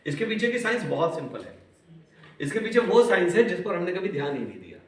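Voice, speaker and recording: A man teaching a class, switching between Hindi and English, quizzing his students and stretching words out slowly. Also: sits high, big pitch swings. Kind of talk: classroom lecture. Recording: echoey classroom, far from the mic.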